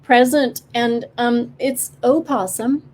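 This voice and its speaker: A shy opossum, voiced by a woman speaks hesitantly, slowly, and fussily corrects small details. The voice sits a little above her narration. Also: fairly high pitch, steady tone, a little mellow, a little hiss or hum, voice pushed up. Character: shy but confident opossum. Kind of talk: storybook character voice.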